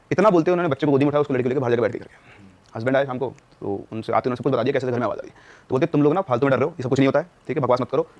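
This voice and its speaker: A man's voice: medium pitch, darkish tone. A young man telling a ghost story as a podcast guest, acting out the quoted dialogue in changing voices. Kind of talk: animated storytelling.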